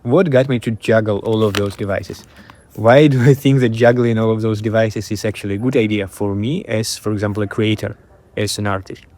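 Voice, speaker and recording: A man with a fairly low voice and a Belarusian accent speaks casually to camera. He is reflective and halting, often restarting or repeating a phrase as he looks for the next word. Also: darkish tone. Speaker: video creator and host.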